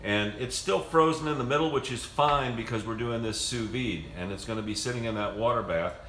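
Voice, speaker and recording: A man's voice: medium pitch, a little fast, fairly bright tone, reverberant, a little hiss or hum. A man hosting a home cooking video, explaining the method casually and rambling with frequent restarts in his kitchen.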